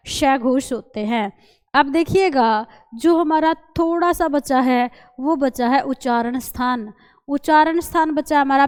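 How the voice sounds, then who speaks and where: A young woman teaching an exam-prep grammar lesson, who keeps asking the class a question and then answering it herself while repeating each key term. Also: sits high. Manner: repeats key terms, asks and answers her own questions. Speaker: Hindi teacher.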